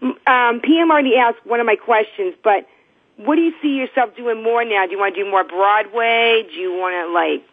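A woman's voice: on the high side, normal speed. Heartfelt woman caller over the phone. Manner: heartfelt, earnest fan. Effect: voice heard over the phone. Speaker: caller to a live show. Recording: tinny phone line.

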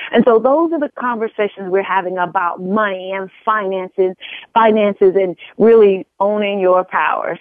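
A woman's voice: medium pitch, no echo. A woman in her forties talking as a guest in an interview, earnest and repeating phrases for emphasis. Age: 40s. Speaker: guest, empowerment coach. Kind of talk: casual interview conversation. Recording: tinny phone line.

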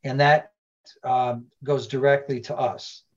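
A man's voice: mid-range voice, little pitch movement, slow pace, muffled recording. A man who is a veteran, giving plain, informational answers as a podcast guest. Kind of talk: podcast interview.

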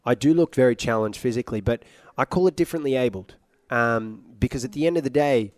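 A man's voice: mid-range voice, fast talker, no room sound. A man from Iraq, a singer who is a guest on a radio interview, playful and joking. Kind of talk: interview conversation.

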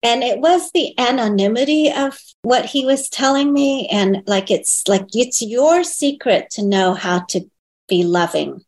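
A woman born in Hong Kong and raised in the United States, a guest in an interview, speaking thoughtfully with pauses and restarts and lifting her voice when she quotes others. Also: on the high side, expressive. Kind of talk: reflective personal interview.

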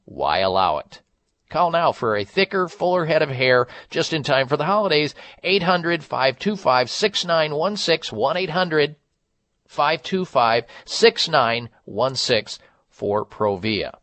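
An American man, a radio host, reading an ad as an emphatic, insistent hard-sell pitch. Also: very animated, unhurried, a bit bright, no room sound. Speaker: radio health show host. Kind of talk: live-read radio ad.

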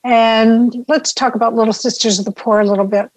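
A woman's voice: on the high side, fairly even intonation, a little fast, low-quality recording. A woman hosting a talk show in a conversational style, introducing guests and callers.

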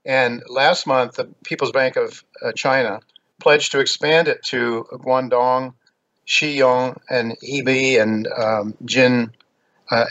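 A man with an American accent hosting a radio show, reading out commentary in a halting, measured way. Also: mid-range voice, a bit bright. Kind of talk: radio monologue, reading out news on markets. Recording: dull, lo-fi radio line.

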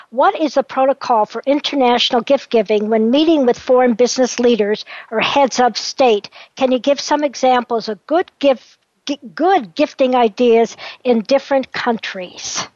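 A woman's voice: high voice, no echo, highs cut off. A woman hosting an interview, asking questions in a conversational, inquisitive way. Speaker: interview host. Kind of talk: radio interview.

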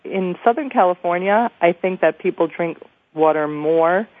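A woman's voice: lowish voice, moderate pace, no echo. An American woman hosting a chatty radio interview, sounding nasal and congested with a cold. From New York, USA. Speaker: radio show host. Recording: thin phone-line radio sound.

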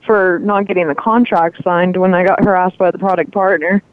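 A man with a high voice speaks as a guest, dry and sarcastic. His voice comes over a tinny, phone-like line. The sound is close and dry. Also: little pitch movement, a little fast, no room sound. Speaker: assistant and guest.

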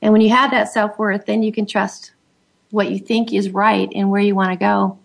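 A middle-aged woman, the guest on an interview show, speaking in a heartfelt and halting way, with many fillers. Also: mid-range voice, flat delivery, creaky. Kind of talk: emotional personal conversation.

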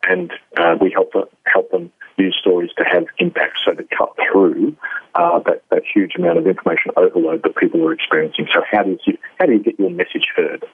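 A man's voice: low-pitched, steady tone, a little fast, husky, no echo. A man with an Australian accent, a radio show guest talking casually and hesitantly, with many fillers and restarts. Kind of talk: casual interview talk. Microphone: phone. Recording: tinny phone line.

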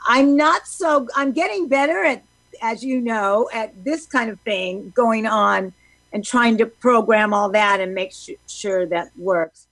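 A woman's voice: on the high side, measured pace, dry recording, low-quality recording. A woman guest on a live talk show, telling stories with lots of fillers and restarts. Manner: animated storyteller with many fillers.

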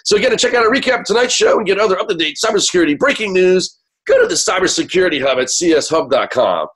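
Hoarse, cracking American male radio host. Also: high voice, very animated, rapid-fire, fairly bright tone. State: sick, hoarse, losing his voice. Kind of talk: conversational radio show monologue.

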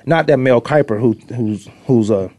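This sports talk host is a former pro defensive back, a middle-aged man from Virginia, US East Coast. He speaks at a medium pitch and moderate pace with a dark tone, no room sound, rambling and opinionated as he repeats points to drive them home.

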